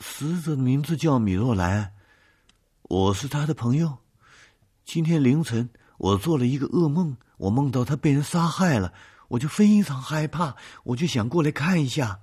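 A man voicing a frightened, nervous witness who pleads in a high, strained voice. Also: animated, moderate pace, darkish tone, slightly rough. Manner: panicky, high-strung pleading.

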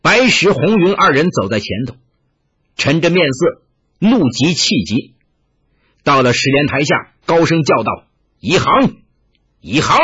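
一位男子朗读武侠小说的叙述部分，嗓音沙哑，语气富有表现力，录音音质发闷。. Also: male voice, a little high, animated, unhurried, fairly bright tone, breathy edge, lo-fi sound. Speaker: narrator. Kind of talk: storytelling narration of a martial arts novel.

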